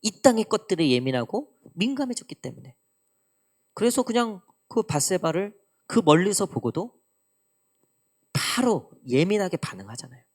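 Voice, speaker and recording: A woman pastor preaching a midweek church sermon in an animated way, acting out quoted lines. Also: lowish voice, moderate pace. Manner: animated preaching, acts out God's teasing lines. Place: church sanctuary.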